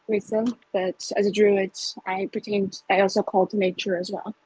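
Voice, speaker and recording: Female tabletop player, husky, mid-pitched voice, casual and hesitant. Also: little pitch movement, moderate pace, darkish tone, poor audio. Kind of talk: casual game chat.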